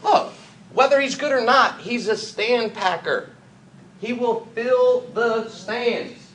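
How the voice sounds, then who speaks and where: A man from the United States giving an energetic motivational business training talk, full of rhetorical questions and jokey asides. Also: very high voice, slow pace. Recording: echoey room, faint background noise.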